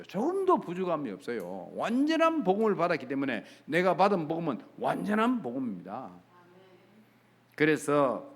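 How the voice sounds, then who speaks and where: A middle-aged man preaching a sermon in a Gyeongsang accent. His voice sits a little high and leaps around a lot. He swings from hushed to loud and acts out bits of dialogue. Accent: Gyeongsang Korean. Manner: emphatic, sways from soft to loud, acts out dialogue. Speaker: pastor.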